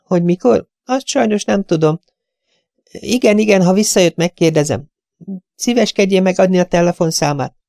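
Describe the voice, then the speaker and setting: A man doing a flustered high-voiced young receptionist. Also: vocal fry, darkish tone, no echo, clean studio sound. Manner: scatterbrained, muddles numbers on the phone. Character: flustered young female estate agency receptionist. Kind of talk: audiobook reading.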